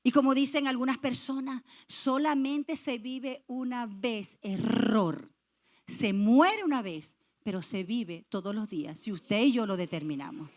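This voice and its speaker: Female pastor, emphatic sermon delivery, higher voice, repeats and stresses phrases, addresses the congregation. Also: a little slow, darkish tone. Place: church.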